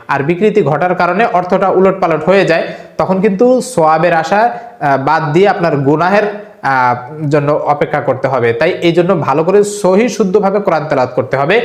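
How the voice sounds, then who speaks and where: Bangladeshi guy teaching a religious lesson, kinda high voice, echoey room, slow careful recitation. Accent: Bangladeshi Bengali. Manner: slow, drawn-out recitation of Arabic verses, repeated for learners; brisk, repetitive spoken instructions with frequent filler "ah". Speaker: Islamic teacher. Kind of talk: step-by-step religious instruction with Quran recitation.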